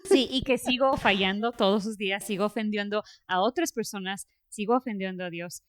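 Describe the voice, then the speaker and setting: A woman hosting a faith podcast, telling a story in a lively way with frequent fillers and laughs. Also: mid-range voice, brisk. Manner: animated storytelling, laughs often, many fillers. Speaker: podcast host. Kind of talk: casual faith conversation.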